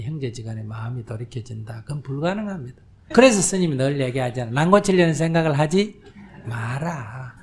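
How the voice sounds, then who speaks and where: A man's voice: mid-range voice, a little mellow, a little hiss or hum. An older man, a Buddhist monk, giving a conversational question-and-answer dharma talk, often asking listeners whether they understand and acting out quoted voices. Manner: acts out quoted voices, drops to whispers. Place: lecture hall with audience.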